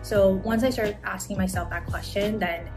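A woman in her twenties from Taiwan, talking casually through her work day in a vlog, with a relaxed manner and frequent "like". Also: mid-range voice, normal speed. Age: 20s. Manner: relaxed, uses "like" often. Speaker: business analyst vlogger. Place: apartment home office, indoors. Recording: background music under voice.

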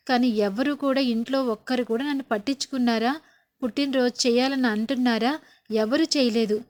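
A woman's voice: high-pitched, lightly acted. A woman voicing a tearful, self-pitying young daughter-in-law in a retold TV serial scene.

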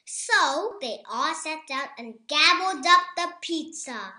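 A six-year-old child reads a picture book aloud, carefully going word by word, in a high, sharp voice. The recording has a roomy echo.

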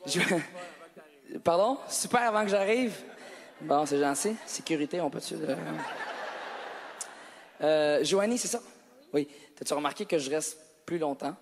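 A man's voice: on the high side, animated, unhurried, pauses often. A man doing stand-up, bantering playfully with couples in the audience. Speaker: stand-up comedian. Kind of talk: stand-up crowd work. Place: large theatre stage with live audience. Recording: live hall with audience, long reverb.

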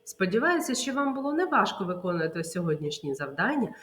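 A woman's voice: medium pitch, sing-song, fairly bright tone, echoey room, a little hiss or hum. A woman kindergarten teacher giving a literacy lesson to small children, drawing out her words and answering her own questions. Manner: slow, sing-song, drawn-out words, asks and answers her own questions.

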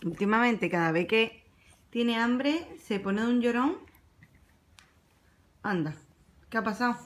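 A woman's voice: on the high side, expressive, measured pace. A young woman filming a home family vlog, coaxing and cooing to her baby son between asides to the camera. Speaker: mother and family vlogger.

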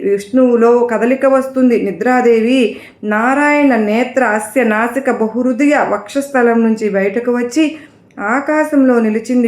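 Brief: female devotional storyteller, rather high voice, reads with restarts, roomy echo. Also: darkish tone.

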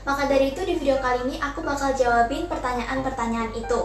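A teenage girl from Central Java speaks in a high, bright voice with a Central Javanese Indonesian accent. She chats warmly and directly to her viewers, answering questions while she journals. Clear music plays behind her throughout. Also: fairly even intonation, quick pace. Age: teens. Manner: friendly, chatty, addresses viewers directly. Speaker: journaling YouTuber. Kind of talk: casual Q&A voice-over while journaling. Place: bright room with shelves of stationery. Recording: voice over background music.

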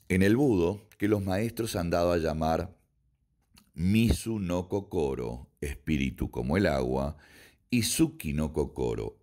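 A man, a karate instructor, reading a written text aloud in a measured, deliberate way, sometimes correcting his own slips. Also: low voice, darkish tone.

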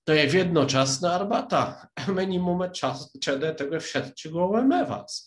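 A man voicing an eccentric, rambling hatter who lectures excitedly about time. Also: high voice, unhurried, pitched above the performer's own voice. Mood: weary. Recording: roomy echo.

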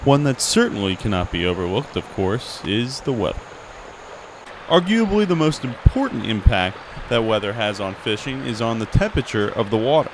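A young man delivers a student news feature outdoors beside a creek, holding a handheld mic. His pitch moves in a lively, animated way. Steady outdoor noise sits clearly behind his voice. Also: normal speed. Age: young adult. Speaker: student reporter.

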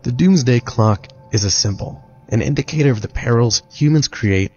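A man reading a scripted narration in a measured, even way. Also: medium pitch. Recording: dull lo-fi clip with faint music.

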